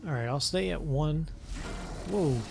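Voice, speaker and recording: Over game music, a man narrates his gameplay in a let's play, musing out loud and hesitating often in a casual way. He speaks on the high side, a little slowly, with vocal fry.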